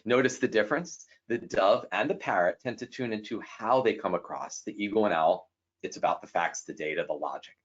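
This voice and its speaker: A man animatedly covers personality styles for a guest, performing the people he describes and quoting them with quick pitch shifts. It's captured in dull, lo-fi sound.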